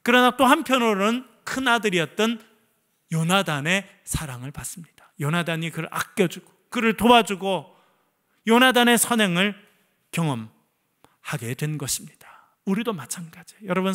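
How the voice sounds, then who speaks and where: A male pastor preaching a sermon with animated storytelling, asking the congregation questions as he goes. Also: high-pitched, normal speed. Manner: animated storytelling preacher, voices the quoted figures. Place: church service.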